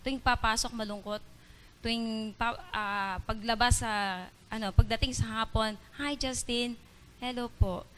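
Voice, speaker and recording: A somewhat high-voiced woman shares a personal testimony at an evening church service. She speaks earnestly but haltingly, often pausing on fillers and restarting phrases, with faint background noise in the room. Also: fairly bright tone. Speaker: church member giving testimony. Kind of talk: spoken testimony in Tagalog-English mix.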